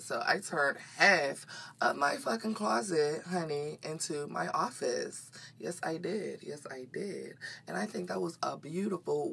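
A woman with a low voice that carries a slight morning rasp. She hosts a solo podcast in a loose, chatty style. Her delivery is sassy and unfiltered, with plenty of swearing and familiar pet names. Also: a bit bright. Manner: sassy, profane, unfiltered, says "honey" often. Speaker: podcast host. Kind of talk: casual chat, solo podcast. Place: walk-in closet at home.

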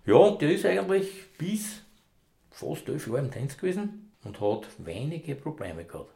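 A man's voice: fairly high pitch, very animated, moderate pace, creaky, mellow. A man, a former rescue dog handler, telling long rambling anecdotes in broad dialect in a casual interview.

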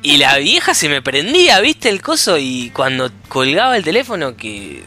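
A man with an Argentine accent chatting casually on a podcast, animated and acting out arguments. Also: a little high, moderate pace, faint music behind. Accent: Argentine Spanish. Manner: animated, acts out phone arguments in different voices. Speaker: podcast co-host. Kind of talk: casual chat.

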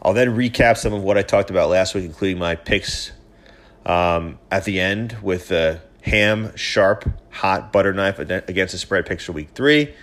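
A man in his thirties hosting a solo podcast of opinion and sports commentary, sounding stuffy and nasal from a head cold, as if his nose were pinched, with a slightly scratchy throat. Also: deep voice. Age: 30s. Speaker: podcast host.

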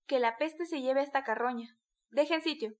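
A woman reading aloud puts on a brutal drunken peasant man, loud and bellowing, with the voice pushed up high in his fury. He shouts every word in a savage storybook rage. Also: moderate pace, soft background music, lightly acted. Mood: enraged.

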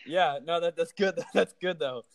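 A man's voice: a little high, moderate pace, no room sound. A man of twenty hosting a podcast, talking loosely and swearing often, with lots of fillers. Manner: loose and profane, with many fillers. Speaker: podcast host. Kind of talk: casual chat.

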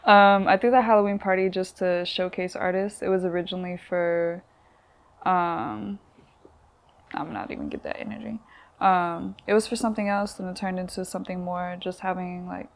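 A woman's voice: fairly low pitch, level tone, normal speed. A woman in her twenties, a visual artist being interviewed in a bedroom, talking in a laid-back way with lots of filler words. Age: 20s. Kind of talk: casual interview chat.

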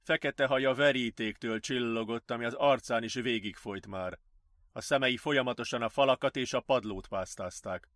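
A man reading an audiobook in even, measured storytelling. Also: medium pitch, dry recording. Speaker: audiobook narrator. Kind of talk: scripted audiobook narration.

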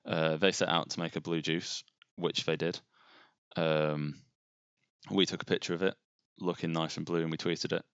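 A man speaks as the guest in a remote podcast interview. His voice is very low and gravelly, and he delivers deadpan jokes between hesitant ums, with a dry and close sound. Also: moderate pace, dry recording, dull audio. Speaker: guest, brand social media staff.

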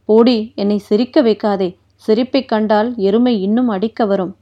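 A woman voicing a gentle young palace maid who is easily amused, in a dull lo-fi recording. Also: mid-range voice, fairly even intonation, moderate pace, lightly acted. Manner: gentle, suppressing laughter.

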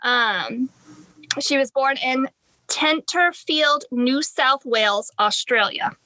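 A woman's voice: high-pitched, slow pace, sharp tone, dry recording, low-quality recording. A young woman co-hosting a casual true-crime podcast, chatty and laughing often, swearing freely as she tells the story. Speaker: podcast co-host.

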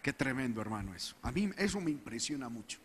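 Preaching pastor in a reverberant church. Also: male voice, medium pitch, sing-song, fast talker, slight background noise. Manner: preaching with rising fervor, acting out the people's whining. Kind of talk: sermon.

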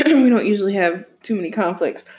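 Teasing, animated woman. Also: medium pitch, echoey room, rough recording. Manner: laughs often, teasing. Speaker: podcast co-host. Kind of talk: casual chat.

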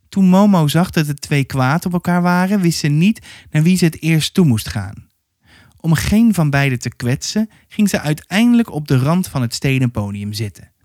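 A man reading a children's book aloud, narrating calmly and expressively. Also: medium pitch, dry recording, clean studio sound. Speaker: storyteller.

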